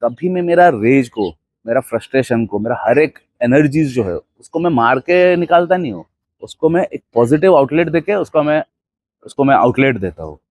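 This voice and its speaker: A man talking straight at his viewers in a blunt, emphatic monologue, pressing his points hard and often slipping English phrases in. His voice sits at an ordinary male pitch. It is recorded dry and close, with no room echo. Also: big pitch swings, normal speed, a little mellow. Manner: assertive, emphatic, addresses viewers directly and mixes in English phrases. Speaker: commentator giving his opinions on a case. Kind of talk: forceful opinion monologue to camera.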